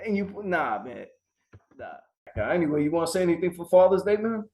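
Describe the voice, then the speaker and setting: A man co-hosting a casual boxing podcast, ranting in a heated, profane, animated way. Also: on the high side, a little fast. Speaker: podcast co-host.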